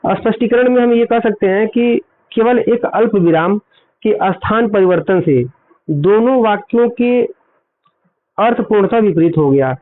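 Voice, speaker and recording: Over tinny, phone-like audio, a man with a high voice teaches an exam-prep grammar lesson at an unhurried pace. He explains step by step, repeats points, and asks quiz questions only to answer them himself.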